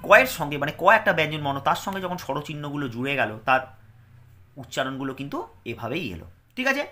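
A man's voice: fairly high pitch, pushed and bright. A man teaching a pronunciation lesson, patiently drilling syllables and checking in with his students often.

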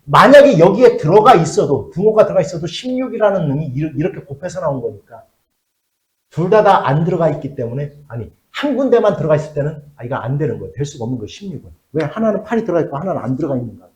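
A middle-aged man teaches math in a classroom. His pitch rises and falls a lot as he checks whether the students follow. The room around him rings with echo. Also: fast. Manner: lively, asks checking questions, drops to mutters while writing. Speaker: math tutor.

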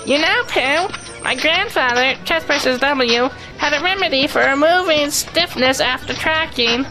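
A woman voicing a timid, excitable young male piglet in a children's audio drama, hesitant and stammering as if always ready with a nervous excuse. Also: high-pitched, unhurried, music in the background, rough recording. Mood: eager.

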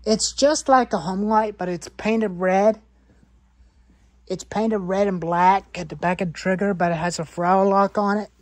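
Standing in a cluttered garage, a woman in her twenties who vlogs about chainsaws wanders through her saw parts, listing things and circling back to repeat herself. She speaks at normal speed in a steady, mid-range, darkish voice, with no room sound.

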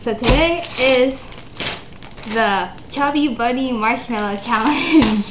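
A woman's voice: on the high side, slow. A young woman chatting casually to the camera as a vlogger. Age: young adult. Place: home dining room, indoors. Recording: dull, noisy, echoey webcam audio.

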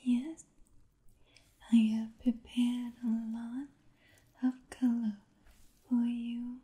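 Gentle young princess played by a woman, Vietnamese accent, whispered role-play; very slow, breathy, extremely soft and mellow delivery. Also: fairly high pitch, flat delivery. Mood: gentle, attentive. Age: young adult. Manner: slow, soothing, attentive, halting short phrases.

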